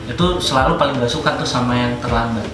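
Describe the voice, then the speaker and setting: A man, a guest chatting casually in an interview, relaxed and joking, laughing often. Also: mid-range voice, fast, noisy background. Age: late 20s. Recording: roomy echo with background music.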